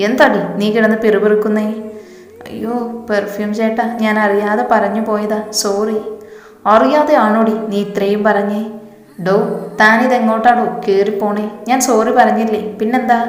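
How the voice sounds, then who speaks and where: A woman tells a romance story and voices all of its characters in her own plain speaking voice. Her pitch barely moves, so the delivery stays flat and even throughout. The recording is roomy, with a long reverb trailing each phrase.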